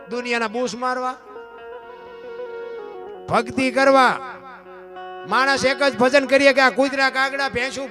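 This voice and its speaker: A man giving a folk moral talk, his voice sitting high for a man. He keeps turning to his listeners with rhetorical questions. A guitar plays clearly underneath him. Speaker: folk storyteller at a dayro gathering. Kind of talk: folk moral discourse to a live audience.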